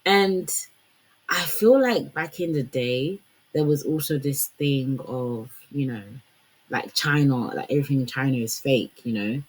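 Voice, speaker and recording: A young woman of Congolese heritage chats casually about fashion and branding, her voice rumbling low, husky and a little slow. She's conversational and fills her talk with "like" and "you know," and the audio quality is poor.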